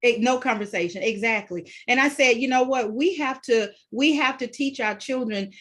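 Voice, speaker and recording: This is a middle-aged woman hosting a radio talk show. Her voice sits a touch high. She tells a personal story conversationally, acts out what each person said, and fills the gaps with "you know.". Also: moderate pace, fairly bright tone. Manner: retells events with acted-out quotes, many "you know" fillers.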